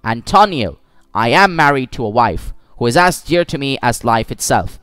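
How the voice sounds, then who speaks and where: A man's voice: mid-range voice, animated, moderate pace, a bit bright, smooth, no room sound, soft background music, lightly acted. A man doing an anguished loyal friend. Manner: anguished, pleading.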